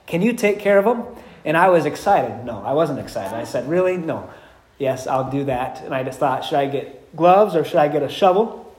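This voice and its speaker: A man's voice: mid-range voice, animated, normal speed, a little mellow. A man preaching a sermon as pastor, telling stories with humor and acting out the quotes. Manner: storytelling, acts out quotes with humor. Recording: echoey room.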